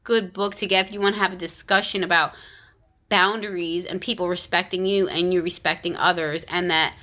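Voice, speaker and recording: A woman's voice: on the low side, steady tone, a little fast, bright, forceful tone. A woman, a parent, giving a frank, opinionated casual commentary on a children's book, full of "like" and "you know.".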